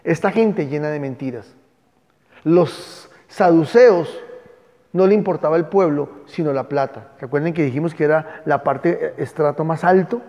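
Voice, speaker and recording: Teaching a Bible class at normal speed, the man has a dark tone in a voice that's a little high, and he talks emphatically while pausing to dictate spellings to students. It's recorded in an echoey, dull-sounding room.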